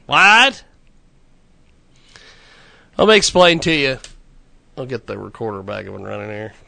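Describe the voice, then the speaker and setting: Bright, animated male stream host. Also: on the low side, brisk, gravelly, no room sound. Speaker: show host. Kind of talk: casual live stream chat.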